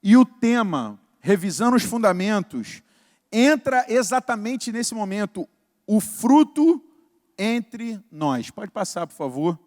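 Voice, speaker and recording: A man preaching a sermon as pastor, an animated storyteller speaking in a church hall. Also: high voice, slow pace. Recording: reverberant hall.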